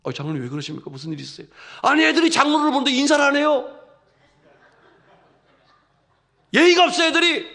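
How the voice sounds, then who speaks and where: A man voicing a stern older male church elder who scolds indignantly, raising his voice high and loud. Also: animated, rapid-fire, heavily acted. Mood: indignant scolding.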